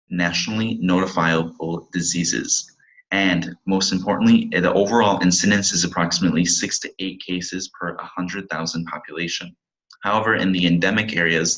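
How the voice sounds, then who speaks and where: A man's voice: low voice, a bit bright, muffled recording. A young man in his twenties, a pharmacy student, giving a recorded slide presentation and reading from his slides with small slips and restarts.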